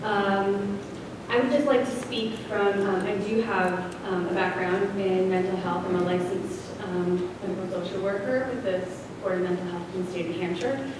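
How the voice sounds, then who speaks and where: A woman's voice: medium pitch, fairly even intonation, moderate pace. A woman who is a social worker giving an earnest public comment at a town meeting, with many ums. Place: school gym at a town meeting. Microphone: standing floor mic, far camera. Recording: echoey hall from far off with noise.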